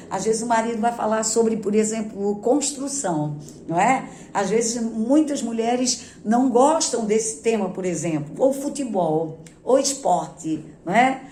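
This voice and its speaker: A woman pastor, speaking at a mid pitch with a calm, measured delivery. She keeps checking in with her listeners through short tag questions. The recording carries a noticeable echo, as if made in a bare room. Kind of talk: teaching on marriage.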